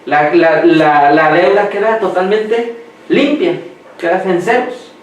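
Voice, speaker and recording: A man preaching a sermon who quizzes the congregation and lets them finish his sentences, slowing down to read scripture aloud. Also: high-pitched. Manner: slows down when reading scripture aloud. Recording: echoey hall, mic far off.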